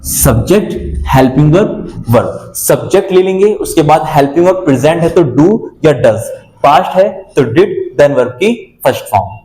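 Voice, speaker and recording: Mellow-voiced male English teacher. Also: on the high side, echoey room, rough recording. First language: Hindi. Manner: explains patiently, repeats example sentences. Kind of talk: classroom grammar lesson.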